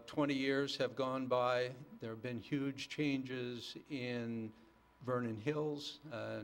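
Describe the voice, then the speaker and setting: A mature American man presenting to a public board as a company manager, genial and measured, often pausing mid-sentence. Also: medium pitch, vocal fry. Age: middle-aged or older. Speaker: corporate development manager, petitioner.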